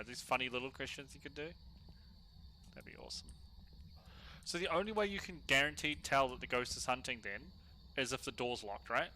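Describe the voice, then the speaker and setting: A man doing casual solo gameplay commentary, chatty and slangy as he thinks out loud. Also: medium pitch, slight background noise. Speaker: gaming streamer.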